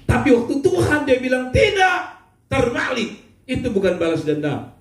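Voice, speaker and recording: A man preaching a sermon as a pastor, telling stories with humor and bursts of shouting. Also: very high voice, sing-song, brisk, roomy sound, soft background music. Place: church.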